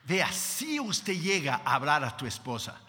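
A male preacher with a high, strikingly bright, piercing voice, delivering a dramatic sermon. He shifts between emphatic declarations and hushed, lowered asides. The sound rings with a long church hall reverb. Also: big pitch swings, moderate pace. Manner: dramatic, acts out quotes in lowered voices, drops to a hush.

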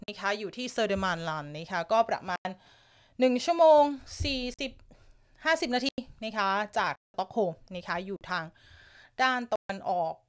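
A woman's voice: medium pitch, sing-song, moderate pace, clean tone. A woman from Thailand hosting a casual live stream from her home, giggling often and chatting with viewers while nursing a lingering cough. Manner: chatty, giggly, reads viewer comments aloud. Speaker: live-stream news host. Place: home, upstairs room.

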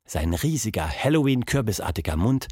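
A man hosting a children's audio show and reading a story aloud in an expressive, unhurried way. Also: on the low side, husky, no echo, studio quality. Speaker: host and storyteller.

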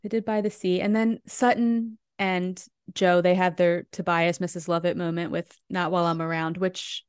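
A woman's voice: on the low side, flat delivery, normal speed, hardly any pauses, clean tone, dry recording. A woman co-hosting a podcast, recapping a musical in casual, rambling chat full of restarts. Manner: chatty, lots of "like" and restarts. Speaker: podcast co-host.

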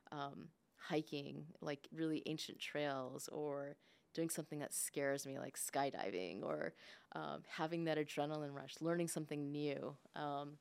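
A business leader appearing as a podcast guest speaks casually and reflectively, often tagging her thoughts with "like" and "right?"; she grew up speaking English and Spanish. Her voice is low, steady, unhurried, creaky, darkish and smooth.

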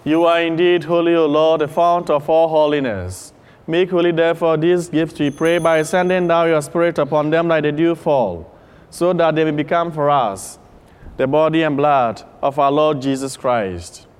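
A man's voice: a little high, fairly even intonation, moderate pace, clean tone. A man, a priest, solemnly intoning the prayers of the Mass with a cathedral echo. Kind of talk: liturgical prayer. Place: large church. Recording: long echoing church reverb.

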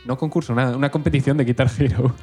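A man's voice: medium pitch, fairly even intonation, a little mellow, slightly rough, soft background music. A man, co-hosting a casual chat podcast, joking and chipping in. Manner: joking, quick interjections. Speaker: podcast co-host.

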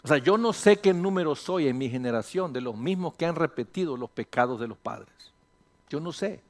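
Pastor, man, high voice, lively sermon delivery, rhetorical questions, slips into English now and then. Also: normal speed. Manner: animated, rhetorical questions, voices imagined listeners; mixes in English phrases.

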